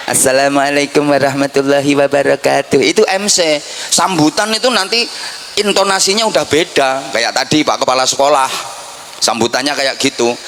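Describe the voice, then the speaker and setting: A man's voice: a little high, bright, forceful tone, slight background noise. A man with a Javanese accent preaching a humorous sermon and playfully acting out greetings in mock voices. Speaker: Islamic preacher.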